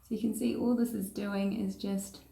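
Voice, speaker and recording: A woman's voice: mid-range voice, normal speed, gravelly, distant mic. Chatty New Zealand woman in echoey room. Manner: chatty, relaxed, talks while working. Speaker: makeup tutorial host. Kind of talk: casual step-by-step tutorial narration. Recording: roomy echo, voice off-mic.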